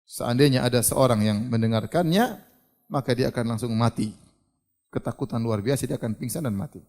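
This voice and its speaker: With a medium-pitched voice and a brisk delivery, this male preacher gives an animated religious lecture. He quizzes his listeners and dramatizes scenes as he goes.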